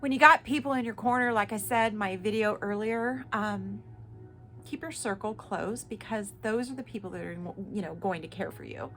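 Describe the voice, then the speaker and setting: A woman in her fifties sharing a personal story in a vlog, halting and heartfelt, crying at times. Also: mid-range voice, a bit bright, soft background music. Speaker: vlogger.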